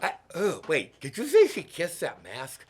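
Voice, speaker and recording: A man's voice: on the high side, huge pitch swings, measured pace, a little mellow, husky. A man co-hosting a comedy show, reacting to a plot in an exasperated, mocking way. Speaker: co-host reacting to the script. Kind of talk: comedic banter.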